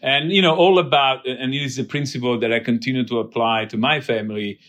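Italian-accented man, measured and thoughtful. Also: mid-range voice, steady tone, a bit bright. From southern Italy, near Naples. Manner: thoughtful, many restarts and filler "uh". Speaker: guest, biotech CEO. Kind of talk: casual interview talk.

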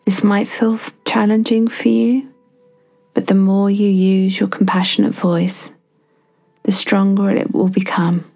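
Slow, gravelly woman guiding a meditation. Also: medium pitch, little pitch movement. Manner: slow, soft and soothing, with long pauses. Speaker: meditation guide. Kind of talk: guided self-compassion meditation.

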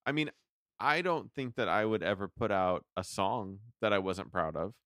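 A man co-hosts a recap show in relaxed conversation. His voice is somewhat low and notably clear and smooth. It is recorded dry, without audible room. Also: normal speed, no room sound. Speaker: podcast co-host. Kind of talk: casual recap podcast chat.

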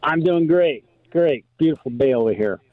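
A man calling in to a radio show over a telephone line, chatting casually and a little haltingly. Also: on the high side, animated, no echo. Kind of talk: casual, halting phone chat. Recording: dull, narrow telephone line.

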